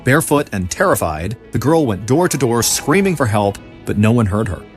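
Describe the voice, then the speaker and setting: A man's voice: mid-range voice, normal speed. A man narrating a true-crime story as a podcast host, in a dramatic storytelling manner. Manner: dramatic storytelling, lively intonation. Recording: faint music behind.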